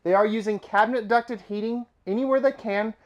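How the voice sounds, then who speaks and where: On a muffled recording, a man with a high-pitched, fairly even voice speaks a little fast while touring a travel trailer for an RV dealership. Allergies give him a slight nasal quality, and he keeps things upbeat and chatty with casual asides.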